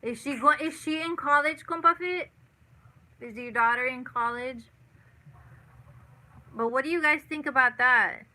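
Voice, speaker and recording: Chatty woman with a bright, high voice. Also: measured pace, long pauses, rough recording. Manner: chatty, repeats herself, many fillers like "you know". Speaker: livestream host. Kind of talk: casual live chat reading viewer comments.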